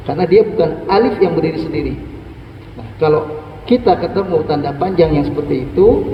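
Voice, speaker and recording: A middle-aged man, a religious teacher giving a morning study lecture, patiently explaining the rules of recitation and slowly chanting verses to demonstrate. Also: fairly high pitch, slight background noise. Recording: echoey hall, distant lo-fi mic.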